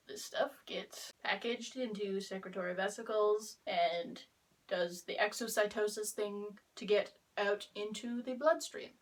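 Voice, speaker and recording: A teenage girl making a class video, explaining a biology topic in a casual, wry, deadpan way while kneeling to draw with chalk. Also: mid-range voice, rough recording. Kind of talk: casual explainer with sarcastic asides. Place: kneeling on the ground drawing with chalk.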